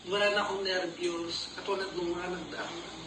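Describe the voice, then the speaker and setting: Man, casual chat, hesitant and repetitive, echoey room with loud noise behind. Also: high voice, flat delivery, moderate pace, recorded from a distance. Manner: hesitant, repeats words. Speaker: interviewee, partner.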